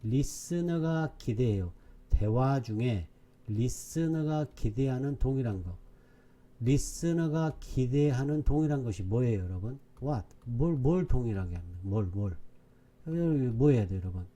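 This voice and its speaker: Dark-voiced man drilling an English lesson. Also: mid-range voice, lively intonation, measured pace. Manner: repetitive, drilling questions to students. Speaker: English teacher. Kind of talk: online exam-prep lecture.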